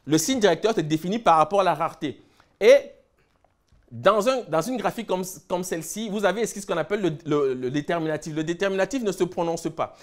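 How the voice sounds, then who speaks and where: A man's voice: high-pitched, fast. A man giving a lecture, explaining signs step by step and listing words one after another, often checking in with his listeners. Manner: repeats words while explaining, lists word after word, checks in with "d'accord?". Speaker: lecturer on Egyptian hieroglyphs.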